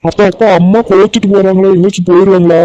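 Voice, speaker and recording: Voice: mid-range voice, fairly even intonation, very fast, dark tone, no room sound, dull audio, lightly acted. A man voicing a young village child who is worried and pleading, in a cartoon comedy. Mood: anxious. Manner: anxious, pleading.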